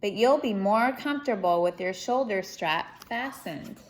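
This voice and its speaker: A woman's voice: medium pitch, lively intonation, a little slow, natural voice. A woman voicing a sweet, caring little girl in a children's storybook, affectionate and earnest. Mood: affectionate, eager.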